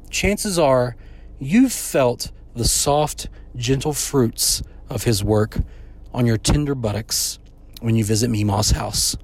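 A man delivers a scripted comedy news monologue as host. He is playful and mock-grandiose, with a mid-range voice and very lively intonation. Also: mid-range voice.

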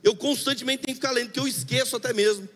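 High-voiced pastor preaching in an echoing hall. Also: male voice, steady tone, racing. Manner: conversational and confessional, swings from quiet murmurs to fervent outbursts. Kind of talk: sermon. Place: church hall. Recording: long hall reverb.

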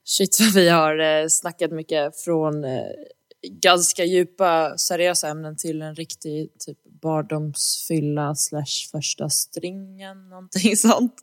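Low-voiced, reserved woman co-host. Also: steady tone. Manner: reserved, says she is often quiet, laughs along. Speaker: podcast co-host. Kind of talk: casual podcast chat. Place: podcast studio. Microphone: studio microphone.

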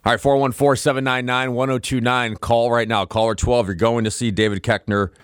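A man's voice: medium pitch, little pitch movement, brisk, smooth, dry recording, clean studio sound. A man hosting on radio, delivering a contest promo for a ticket giveaway. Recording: very noisy radio feed with clicks.

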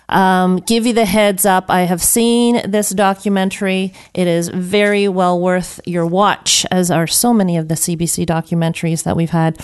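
A woman's voice: on the low side, a little mellow, smooth. A woman hosting a live radio health show, chatty and rambling, laughing often. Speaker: radio talk show host.

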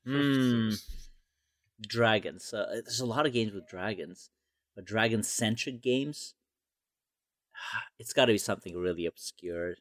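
Low, dry-sounding hesitant man. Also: a little slow, pauses often, fairly bright tone, dry recording. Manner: hesitant, musing. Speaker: podcast co-host. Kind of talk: casual chat.

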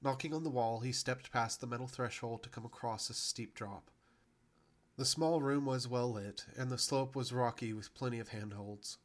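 A man reading a science fiction story aloud as a podcast narrator, telling it in a steady, even way. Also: mid-range voice, normal speed. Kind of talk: scripted narration.

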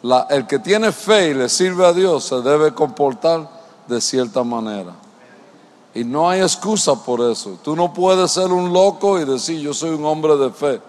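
A man's voice: on the high side, expressive, measured pace, a little mellow. A male pastor preaching a sermon, telling stories and asking the congregation rhetorical questions. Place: church. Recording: long church-hall reverb.

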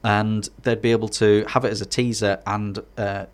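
A man's voice: on the low side, level tone, normal speed. A man from Hartlepool with a Teesside accent, co-hosting a casual podcast in a hesitant, rambling way. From Hartlepool, northeast England. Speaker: podcast co-host.

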